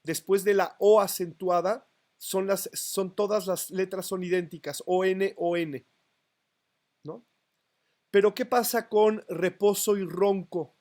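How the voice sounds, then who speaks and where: A man's voice: sits high, fairly even intonation, measured pace, a little mellow. A man lecturing on poetry to a class, counting syllables aloud and checking that students follow. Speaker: literature teacher. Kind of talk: university lecture.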